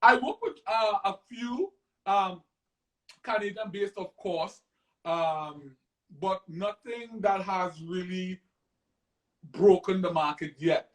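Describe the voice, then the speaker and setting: A man's voice: sits high, slow pace, fairly bright tone, poor audio. A man from Trinidad and Tobago, a musician guest talking in a playful, enthusiastic, casual interview chat over a phone live stream. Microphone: phone on a live video stream.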